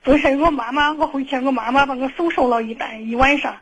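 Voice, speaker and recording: A middle-aged woman speaking Sichuan dialect, calling in with an aggrieved, halting and repetitive personal complaint. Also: high-pitched, fairly bright tone, breathy edge. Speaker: phone-in caller. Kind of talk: emotional personal storytelling.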